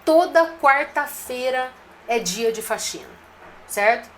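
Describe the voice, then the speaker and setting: A woman talks restaurant owners through practical advice in a direct, coaching way, addressing them like friends. Her voice sits a little high. A faint noise runs under the recording. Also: animated, slow pace. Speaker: restaurant business consultant. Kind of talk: live-streamed business advice talk.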